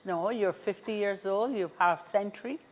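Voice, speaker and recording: A Barbadian woman in her sixties, an advocate for seniors, gives encouraging advice as a conversational interview guest, emphatically repeating key phrases. Her voice is mid-range at a moderate pace, and the recording is rough.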